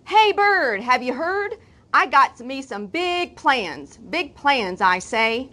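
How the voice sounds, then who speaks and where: A woman's voice: high voice, big pitch swings, slow pace, bright, forceful tone, heavily acted. A woman voicing a boastful young boy with big plans in a storybook read-aloud, brash and sing-song.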